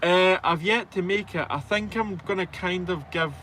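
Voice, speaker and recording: His voice sits high and sounds sharp at a moderate pace, with slight background noise. He's a twenties-aged truck driver from Scotland who runs a live stream, answering viewers informally with self-deprecating banter.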